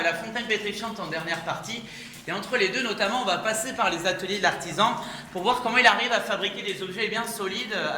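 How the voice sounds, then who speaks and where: High-voiced man guiding in an echoing cave. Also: pushed and bright. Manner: explains step by step with rhetorical questions. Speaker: tour guide. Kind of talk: guided cave tour talk to a group. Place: echoing underground rock gallery. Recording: echoey cave gallery, clear background noise.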